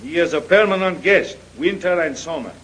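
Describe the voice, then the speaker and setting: An actor playing an excitable French innkeeper in an old-time radio drama, speaking broken English with a French accent and a fussy manner. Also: male voice, a little high, normal speed, a little hiss or hum, natural voice, rough recording. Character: excitable French innkeeper, middle-aged man.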